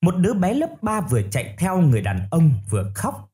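A man telling a family ghost story in the first person, in a steady, storytelling manner. His voice is warm and mellow. The pitch moves lively with the tale. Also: brisk. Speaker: audio story narrator.

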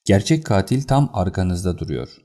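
A man reading the lines of a calm, confident detective in an audiobook, in a cool and unruffled manner. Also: sits low, normal speed.

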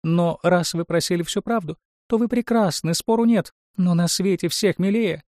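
A man's voice: high-pitched, moderate pace, darkish tone, no room sound, clean studio sound, pitched above the performer's own voice, natural voice. A man voicing a nervous, crackling magic mirror that answers the tsarina.

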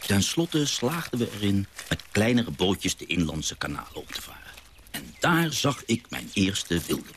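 Deep voice, father-naturalist, radio drama, animated telling, low hiss. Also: unhurried, gravelly, exaggerated voice. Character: gentle father, a naturalist recalling his sea voyage.

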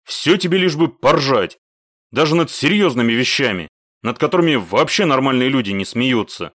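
A man's voice: mid-range voice, expressive, a bit bright, no room sound, studio quality. A man voicing a shy, gloomy male machine gunner in an audiobook. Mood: sullen. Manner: slow, sullen.

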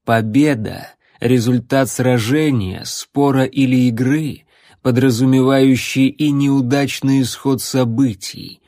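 Unhurried, sneering necromancer, as a male reader puts him on; drawn-out sarcasm, dry close sound. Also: mid-range voice, fairly even intonation, dark tone, dry recording. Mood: mocking. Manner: slow, measured, mocking. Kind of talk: audiobook character voice.

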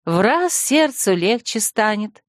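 A woman voicing a young woman's gentle, persuasive older sister in an audiobook, folksy and soothing. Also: mid-range voice, very animated, slow, no echo, clean studio sound. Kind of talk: audiobook character voice.

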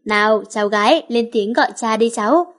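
A woman's voice: fairly high pitch, a little fast, lightly acted. A woman reading the lines of a scheming, mocking old male villain in a storybook. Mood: taunting. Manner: taunting, cold.

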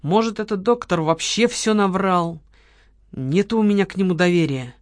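A woman voicing a nervous, grumbling man in an audiobook, quick to lose his temper. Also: medium pitch, no room sound, clean studio sound, natural voice. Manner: grumbling, easily exasperated. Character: nervous, grumbling male con-man partner.

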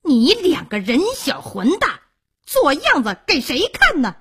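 A woman storyteller voicing a cruel, domineering stepmother who scolds harshly and with contempt, in a husky voice. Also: high-pitched, wildly swooping pitch, measured pace, fairly bright tone, voice pushed up, heavily acted. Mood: scolding.

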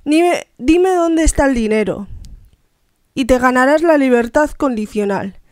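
A bullying, sarcastic police officer interrogating a suspect, as a woman reads his lines. The voice is high-set, slow and very clear, recorded close and dry. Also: animated, darkish tone, no room sound. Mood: menacing. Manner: menacing interrogation.

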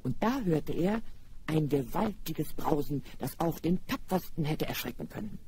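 A man narrating a fairy tale for children in a radio play, lively and speaking directly to the listeners. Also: a little high, moderate pace, slight background noise.

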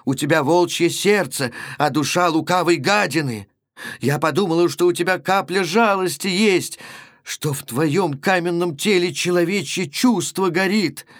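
A man's voice: fairly high pitch, moderate pace, a bit bright, no room sound, clean studio sound, close to an everyday voice. A man voicing a grieving young wife who pleads with passion in a storybook reading. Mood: pleading. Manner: impassioned, pleading.

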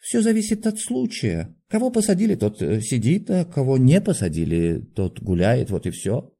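A man voicing a meek, gentle middle-aged male doctor who speaks softly and apologetically. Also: mid-range voice, wildly swooping pitch, normal speed, vocal fry, breathy edge, voice pushed up, full character voice. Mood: placating. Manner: soft-spoken, apologetic.

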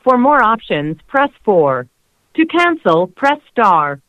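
A woman's voice: fairly high pitch, sing-song, slow pace, fairly bright tone, no echo. Female recorded voicemail menu voice, formal prompts, bouncy intonation, dry sound. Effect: automated voicemail prompt over a phone call.

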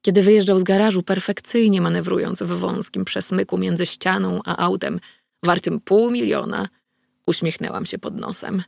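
A woman narrating a novel in the first person at a steady, measured pace. Her voice has a gravelly grain. The recording is close and dry, without room echo. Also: fairly low pitch. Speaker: audiobook narrator.

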